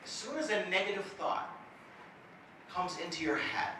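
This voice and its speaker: A middle-aged motivational speaker jokes at his own expense during a comic talk in a presentation hall, stuttering slightly. His voice sits high with lively intonation at a moderate pace, picked up by a far-off mic in an echoey hall with background noise.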